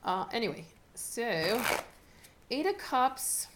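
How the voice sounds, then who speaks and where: A woman giving a casual, unscripted tarot reading as host, talking in a chatty, halting way as she thinks aloud. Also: fairly high pitch, very animated. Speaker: tarot card reader hosting a video reading. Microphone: camera set up in front of the speaker. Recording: noticeable background noise with clicks.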